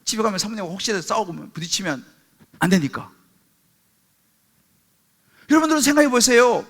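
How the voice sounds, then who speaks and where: A high-pitched middle-aged man preaching from a church pulpit, his voice bright and forceful. He keeps asking the congregation questions, pushing hard on each point. His pitch swings widely from phrase to phrase. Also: big pitch swings, fairly quick. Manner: emphatic preaching with rhetorical questions, calls for amen. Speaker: pastor. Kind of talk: sermon.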